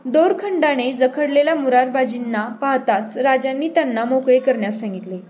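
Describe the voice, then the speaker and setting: A woman narrating an audiobook in an expressive storytelling manner. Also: high-pitched, moderate pace, muffled recording, slight background noise.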